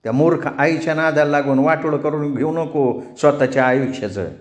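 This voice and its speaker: A man's voice: a little high, brisk, echoey room, close to an everyday voice. A man voicing a fierce middle-aged woman who runs a tamasha troupe, scolding and commanding in rural dialect. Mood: stern. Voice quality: village dialect speech.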